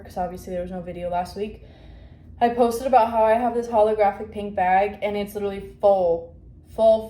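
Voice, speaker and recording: A woman's voice: medium pitch, mellow. A woman chatting casually in a vlog about her shop, rambling with lots of fillers and self-corrections. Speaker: shop owner vlogger. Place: indoors at home, upstairs. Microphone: phone or camera mic. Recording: echoey room, faint background noise.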